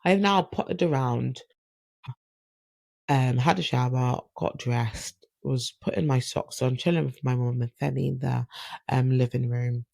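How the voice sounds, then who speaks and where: A woman hosting a solo podcast, telling stories in an animated, chatty way. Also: a bass voice, measured pace, creaky, dry recording. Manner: chatty, animated, acts out quoted dialogue. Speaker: podcast host. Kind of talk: casual solo podcast storytelling.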